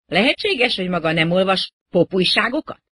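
A reader putting on a brash, loud rock musician. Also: medium pitch, sing-song, husky, pitched above the performer's own voice, exaggerated voice. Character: huge bald grinning male rock musician.

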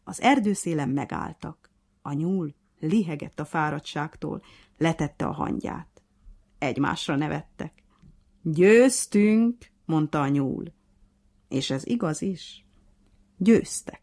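A woman reading a bedtime fairy tale aloud in a lively, expressive storyteller manner. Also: low voice, vocal fry, husky.

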